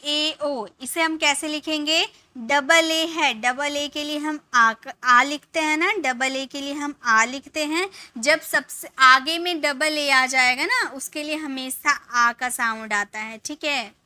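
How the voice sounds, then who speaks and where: A woman's voice: high voice, bright, forceful tone, no room sound. A woman teacher giving a patient spoken lesson, spelling out each letter and sound one at a time. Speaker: English teacher.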